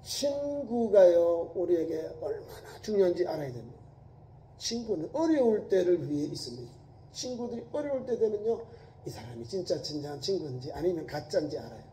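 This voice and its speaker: Korean pastor preaching in an echoey church. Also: male voice, high voice, big pitch swings, fairly quick, warm tone. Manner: colloquial preaching, voicing biblical speakers in quotes, emphatic repetition. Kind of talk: sermon. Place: church sanctuary.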